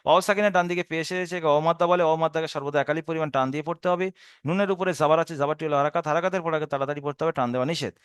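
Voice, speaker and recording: A man teaching a Quran reading lesson. He draws out the Arabic syllables slowly, then explains the rules quickly, with a Bengali accent. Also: on the high side, steady tone, clear, resonant tone, dry recording. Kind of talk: spelling out Arabic letters in a recorded lesson.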